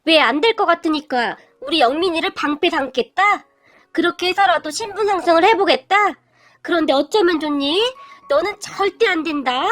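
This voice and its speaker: Woman putting on a shrill, snobbish rich mother. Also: expressive, normal speed, no room sound. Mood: scornful. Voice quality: sneering, scornful. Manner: yelling, contemptuous.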